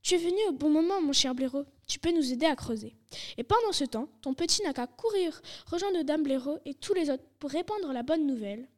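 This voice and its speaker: A woman voicing a clever, cheerful male fox father in a storybook reading, with a lifted, lively voice. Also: high voice, brisk. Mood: sly.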